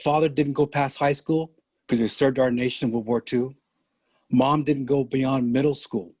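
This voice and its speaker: An older man from San Francisco, a podcast guest telling his story slowly and deliberately over a video call. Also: mid-range voice, fairly even intonation, a little mellow, dry recording. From San Francisco, USA. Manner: slow, deliberate storytelling with pauses. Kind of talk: conversational interview.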